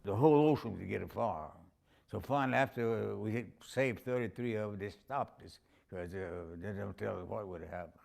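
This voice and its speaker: An older navy veteran recalling wartime events in plain, informal speech. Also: male voice, fairly low pitch, normal speed, creaky, a little mellow. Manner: plain-spoken, informal grammar. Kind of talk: oral history recollection. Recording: faint background noise.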